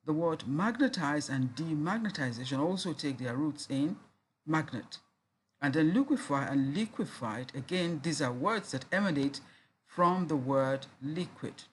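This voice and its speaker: A university lecturer giving a recorded lesson, talking slowly and deliberately, repeating each word to sound it out and spelling out letters. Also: mid-range voice, a little hiss or hum.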